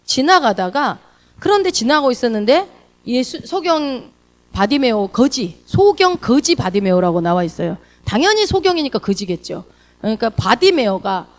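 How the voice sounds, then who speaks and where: Animated woman preaching a sermon. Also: a little high, moderate pace. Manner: animated, acts out quoted voices and asks the congregation questions. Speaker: pastor.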